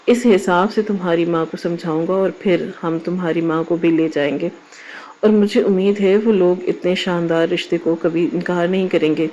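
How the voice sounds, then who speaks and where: Woman reading as a calm, kindly older father in an audio story, low and mellow, gentle and steady. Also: dull audio, slight background noise, close to an everyday voice. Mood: reassuring.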